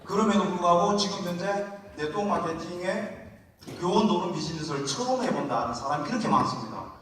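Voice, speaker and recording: In a large, echoey lecture hall, a man with a regional Korean dialect gives a motivational seminar, chatting in a folksy manner and often prompting the audience to answer back. His voice is high, expressive, brisk and fairly bright. The mic sounds distant, with slight background noise.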